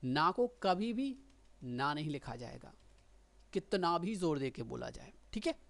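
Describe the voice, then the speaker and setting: A woman's voice: deep voice, big pitch swings, a little slow, creaky. A woman teaching shorthand, explaining patiently and often checking that listeners follow. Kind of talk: explanatory lesson.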